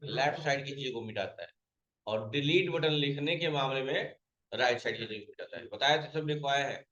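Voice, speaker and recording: A man runs a computer class at a mid pitch, neither high nor low. He keeps putting questions to his students and then answers them himself, repeating each key point. The room around him is echoey. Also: fairly quick, fairly bright tone, highs cut off. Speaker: computer teacher. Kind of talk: classroom lesson.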